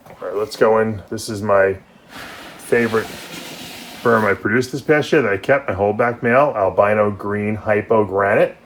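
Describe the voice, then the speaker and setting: A man who breeds snakes, talking casually through a feeding vlog and sometimes dropping to a hushed voice. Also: fairly low pitch, measured pace, pauses often, slight background noise. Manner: chatty, drops to a hush. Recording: background music.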